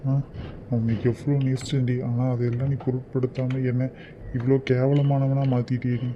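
A man voicing a drunk young husband in an animated cartoon who turns from bitter accusation to remorse. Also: medium pitch, brisk, muffled recording, background noise, close to an everyday voice. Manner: bitter, accusing, then apologetic.

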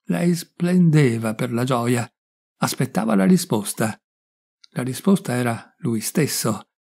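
A man gives a first-person literary reading with a warm, mellow tone. He takes his time, leaning into phrases with quiet emotion. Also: medium pitch, animated, vocal fry. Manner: measured, emotive, lingering on phrases. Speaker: audiobook reader.

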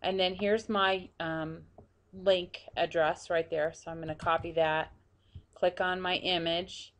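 A woman narrating a screen-recorded software tutorial, quietly talking through each step as she clicks. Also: on the low side, flat delivery, unhurried. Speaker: tutorial presenter.

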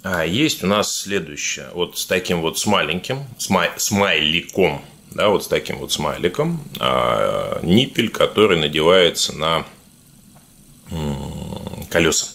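Unboxing something on camera, this man speaks in a low-pitched, very animated voice with a fairly bright tone, addressing viewers informally in a halting, conversational way. His R sounds come out defective, with a noticeable burr. Clicks and background noise are clearly heard in the recording.

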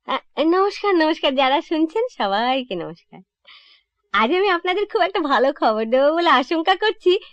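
A woman's voice: sits high, moderate pace, no echo. An actress performing a comic stage monologue as a chatty young divorced woman, confiding and correcting herself, on a dull lo-fi old recording. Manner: chatty, lively, self-correcting, confiding to listeners.

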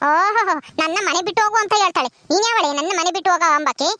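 A woman's voice: extremely high pitch, fairly even intonation, quick pace, a bit bright, no room sound. A woman voicing a scheming, greedy elder sister in a cartoon, talking with a mocking, scolding sneer. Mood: outraged.

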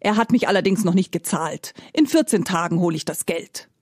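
A woman's voice: on the low side, brisk, no room sound, studio quality, natural voice. A woman voicing a simple-minded male farmer who talks in a folksy, exclaiming way. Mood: naive.

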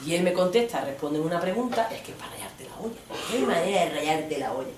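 Woman, Spain Spanish accent, stage monologue, lively swooping pitch, echoey hall, distant mic. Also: brisk, crowd noise. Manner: animated, switches between voices of people in her story, blunt and profane. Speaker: stage performer. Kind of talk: theatrical monologue. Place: theater stage.

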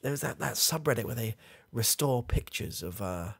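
In a close-miked comedy ASMR roleplay, a young man with a British accent becomes a muddled, proud old grandfather hopeless with technology, rambling hesitantly with constant fillers and restarts. His mid-range voice is gravelly and slightly rough, with lively intonation at a moderate pace. He's in a small, dim room under coloured lights, face close to the camera, with no echo.

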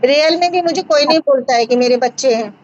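A woman in her thirties hosting a casual video call chat, reassuring and warm in manner, blessing her guest with pious phrases. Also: high voice, fast. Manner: warm, reassuring, says mashallah. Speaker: host of a home remedy channel. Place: small room indoors. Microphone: video call on phone. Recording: dull lo-fi video call audio.

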